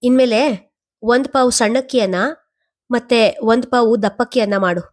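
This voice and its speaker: A woman's voice: fairly high pitch, steady tone, close to an everyday voice. A woman doing a bossy, stingy sister-in-law. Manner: bossy, brisk.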